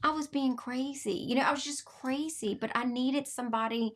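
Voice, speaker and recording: A woman's voice: high-pitched, moderate pace. A middle-aged woman, hosting a podcast and telling an emotional story. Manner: animated storyteller, emotional and laughing. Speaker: podcast host. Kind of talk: casual heartfelt chat.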